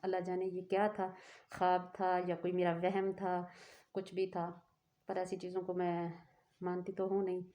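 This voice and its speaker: A woman's voice: lowish voice, completely flat delivery, normal speed, warm tone. A woman telling a personal story in a rambling, earnest way that keeps interrupting itself. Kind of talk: casual storytelling to camera.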